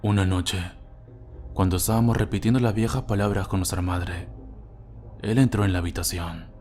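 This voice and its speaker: A man narrating a horror story in a steady, measured scripted reading. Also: sits low.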